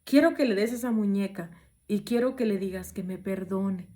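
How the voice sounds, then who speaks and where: A woman's voice: medium pitch, normal speed, mellow, lightly acted. A woman quoting a sad, lonely little girl in a plaintive, pleading way, close to her own voice.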